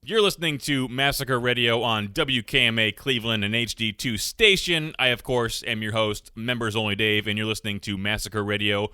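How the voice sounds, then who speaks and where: A man's voice: fairly low pitch, moderate pace, hardly any pauses, pushed and bright, clear, resonant tone, no room sound, studio quality. A man hosting a comedic radio interview show, with playful, mock-serious patter. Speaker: radio host.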